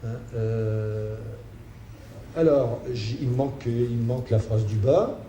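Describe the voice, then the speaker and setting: A man lectures in a halting, stop-and-start way, full of fillers and restarts. His voice is mellow and dark. The sound carries the roomy echo of a lecture hall, with a faint murmur of ambience underneath. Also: mid-range voice, a little hiss or hum. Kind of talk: hesitant spoken lecture.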